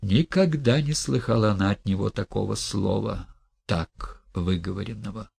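A man narrating a classic novel in a measured, dramatic storytelling manner. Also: on the low side, gravelly, darkish tone, husky. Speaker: audiobook narrator. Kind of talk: literary audiobook narration.

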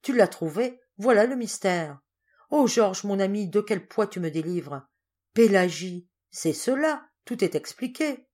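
Worked-up anxious dad, blurts things out, woman reading him, lowish voice. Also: normal speed. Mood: relieved. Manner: excitable, exclamatory. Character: anxious, agitated middle-aged father, quick-tempered.

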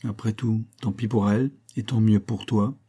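A man's voice: lowish voice, steady tone, moderate pace, mellow, slightly rough. A man reading a bitter old friend. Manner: sarcastic, lecturing.

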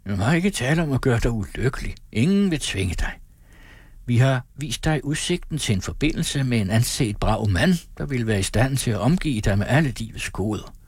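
A man's voice: mid-range voice, lively intonation, darkish tone, breathy edge, dry recording, clean studio sound. A man reading aloud, voicing a pompous, hesitant older official and father who fumbles for his words. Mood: placating. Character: elderly district official father, fussy and hesitant.

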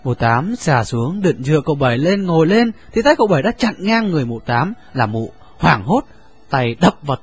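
A man narrating a story in an expressive, lively reading. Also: medium pitch, breathy edge.

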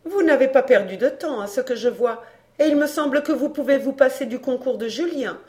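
A woman reading an audiobook, voicing a haughty, overbearing middle-aged mother with a sharp, peremptory manner. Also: sits high, brisk, close to an everyday voice.

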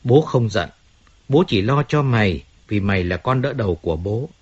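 A cold, commanding older crime boss, as a man reads him out addresses his godson with curt authority. The voice is husky and low-key, with scorn underneath. The storybook recording sounds somewhat dull. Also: animated, moderate pace, no room sound. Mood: calm paternal.

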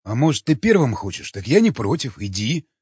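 A man's voice: medium pitch, a little fast, breathy edge, no echo. A man doing a sardonic cynical cannibal. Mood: mocking. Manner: sardonic, teasing, calmly questioning. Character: mocking cynical man, a cannibal, coolly interrogating. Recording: dull lo-fi recording.

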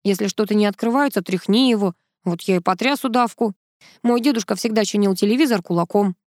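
A woman's voice: mid-range voice, brisk, no echo, natural voice. Female narrator doing a cool young tech guy who explains everything plainly, dry close sound. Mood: explaining. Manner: calm, explaining. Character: clever young male computer whiz, matter-of-fact. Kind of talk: audiobook character reading.

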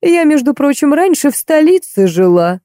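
A woman's voice: high voice, very animated, moderate pace, warm tone, no room sound, studio quality, pitched above the performer's own voice. A woman reading an audiobook, voicing a whining, begging old woman with a cracked, tearful voice. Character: whiny, wheedling old woman, a drinking pensioner.

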